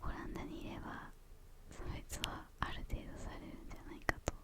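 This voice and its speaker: Hushed and breathy, a young woman's whisper answers questions in the ASMR manner, with short phrases and hesitant gaps between them.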